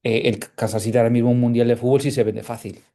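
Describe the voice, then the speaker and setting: In this conversational seminar talk, the guest is a Canadian man who works as a sports journalist. His medium-pitched, mellow voice barely moves in pitch and runs at a quick pace, and he hesitates a lot, restarting sentences, adding tag questions, and leaning on fillers.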